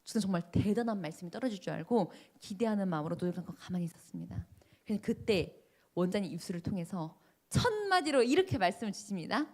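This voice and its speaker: Animated woman preaching a sermon. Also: mid-range voice, fast talker. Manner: dramatic storytelling, voices the people in her story; asks the congregation questions. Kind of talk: sermon with personal testimony.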